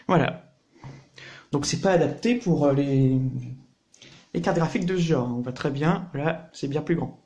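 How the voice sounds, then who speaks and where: Chatty man with a higher voice. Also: a little mellow. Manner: chatty, with frequent "voilà" and "hein" fillers, explaining through everyday comparisons. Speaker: computer hardware tutorial host. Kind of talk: casual hands-on tutorial.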